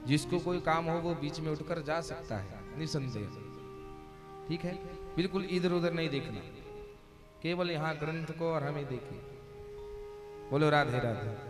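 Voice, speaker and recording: A man's voice: on the high side, normal speed. A male Bhagavata katha preacher giving a devotional sermon to a seated audience, jovial and teasing as he commands them to chant and sit still. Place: religious gathering before a seated audience. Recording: live recording with loud devotional music.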